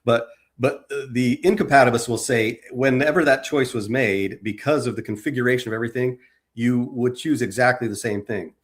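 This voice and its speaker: A man's voice: mid-range voice, brisk. A man talking as a podcast guest in casual discussion, explaining his ideas in a hesitant way with many stammered restarts.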